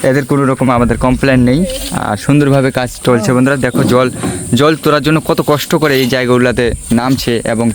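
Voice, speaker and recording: A man speaks at a quick clip in a mid-pitched voice, as host of a casual village vlog. He explains what he shows eagerly, often repeating himself. The outdoor recording is clearly noisy, with hiss behind him. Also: fairly even intonation. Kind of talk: casual outdoor walk-through vlog addressed to viewers. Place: outdoors at an embankment gate under repair.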